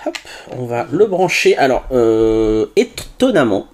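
Taking it slowly, a tech reviewer with a medium-pitched, slightly mellow, sing-song voice unboxes a product. His chatty delivery is full of "hop" and hesitant pauses.

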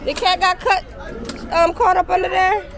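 A woman in her thirties vlogging a family get-together on the porch and yard, talking loudly into a handheld camera and laughing often. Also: very high-pitched, steady tone, moderate pace, a loud crowd, heavy background noise. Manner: loud, laughing, teasing. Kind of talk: casual family vlog chat. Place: family house porch and front yard, outdoors. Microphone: handheld camera at arm's length. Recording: busy family gathering around.

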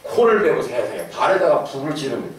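A middle-aged man giving a lively lecture to an audience, with laughing asides and questions to his listeners. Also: mid-range voice, brisk, crowd noise. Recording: echoey hall, from far off, faint noise.

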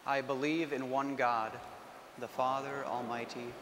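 Priest, man, measured solemn delivery, mid voice, long church reverb, faint hiss. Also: medium pitch, fairly even intonation. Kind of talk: homily and liturgical prayer. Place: large church sanctuary. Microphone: far camera.

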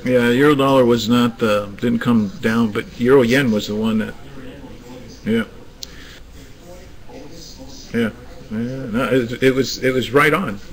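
A man's voice: medium pitch, steady tone, moderate pace, rough recording. A man hosting a live forex trading room, talking traders through the market with many restarts and hesitations. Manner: hesitant, restarts, coaxing the screen. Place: trading room, screen recording.

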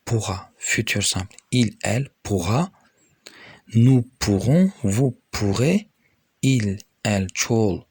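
A man's voice: lowish voice, husky, dry recording. A man with a Turkish accent teaching French grammar, patiently reading out verb forms and explaining each one. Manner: patient, addresses viewers as friends, reads conjugations slowly.

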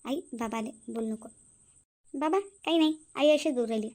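A woman voicing a young daughter in a cartoon, coaxing her mother in a hushed way. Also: high-pitched, normal speed. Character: young daughter, soothing peacemaker. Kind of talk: cartoon voice acting.

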